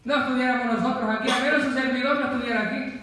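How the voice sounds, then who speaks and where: A man's voice: very high-pitched, steady tone, racing, sharp tone. A man preaching a sermon to a congregation, repeating phrases for emphasis and calling out to the listeners. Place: church. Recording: echoey church hall with long reverb.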